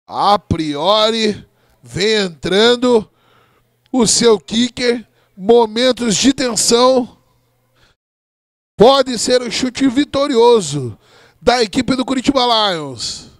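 A man's voice: very high-pitched, animated, slow pace, gravelly, long pauses, no echo, studio quality. A Brazilian man giving informal, chatty live commentary on an American football game.

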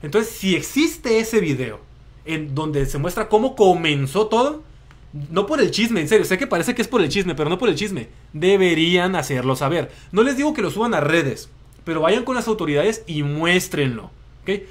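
A young man with a northern Mexican accent hosting a live show, telling stories in slangy, animated commentary. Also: high voice, moderate pace. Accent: northern Mexican Spanish. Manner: slangy, animated storytelling with acted-out quotes. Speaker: show host.

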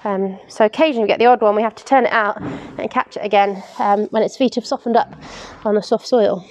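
A woman's voice: medium pitch, steady tone, fairly quick, dry recording. A young woman in her twenties, a livestock keeper from England, casually explaining goat hoof trimming as she works, with plenty of ums, recorded outdoors and in a large farm barn. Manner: practical, explains while working, frequent "um".

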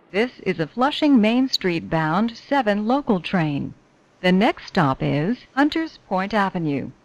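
A woman reading scripted train announcements in a measured, formulaic way. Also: medium pitch, lo-fi sound. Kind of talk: scripted subway station announcements.

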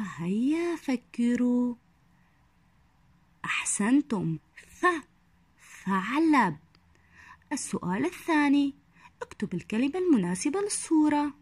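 A young woman teaching a phonics lesson to small children. She draws out each syllable slowly and gives soft, whispered praise. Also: fairly high pitch, husky, no echo. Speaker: primary school teacher.

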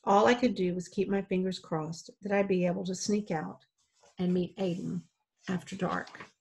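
A woman reading a children's novel aloud in a plain, steady storytelling way. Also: fairly low pitch, normal speed, gravelly, a little hiss or hum. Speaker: audiobook reader.

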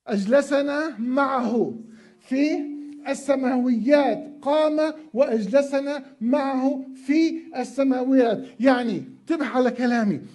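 Husky high-voiced man preaching emphatically. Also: a little mellow. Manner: emphatic preaching with repeated words and rhetorical questions. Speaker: pastor. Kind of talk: sermon.

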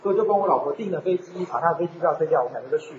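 A man teaching a university class, chatty and animated, often asking his students rhetorical questions. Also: fairly high pitch, racing, slight background noise. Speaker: university lecturer. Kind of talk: classroom lecture. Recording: echoey lecture hall, dull lo-fi sound.

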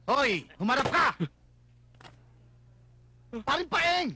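A man playing a blustering male police chief in a slapstick comedy, shouting insults at his men. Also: extremely high pitch, expressive, takes it slowly, a little hiss or hum, heavily acted.

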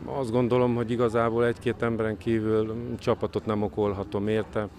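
A man in his forties, a football coach, speaking haltingly in a post-match interview. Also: lowish voice, level tone. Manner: halting, searching for words. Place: outdoors by athletics track. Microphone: handheld interview microphone. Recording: outdoor interview, crowd noise behind.

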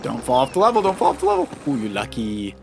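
Video game music plays as a father, likely middle-aged, co-hosts a let's play for kids, explaining moves and giving advice like a coach in casual commentary. His medium-pitched voice is creaky and quick, swinging hugely in pitch.

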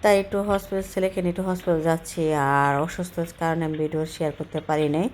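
Low, flat-voiced woman vlogging outdoors. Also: quick pace, a little hiss or hum. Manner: chatty, rambling, many fillers and restarts. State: recovering from a sore throat. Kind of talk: casual walking vlog narration. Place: outdoors on a city street.

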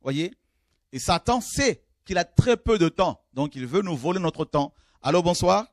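A male preacher giving a call-in sermon, fervent, rising from low murmurs to high exclamations, often repeating himself. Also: animated, a little slow, dry recording, studio quality. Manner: repeats and restarts phrases while addressing listeners.

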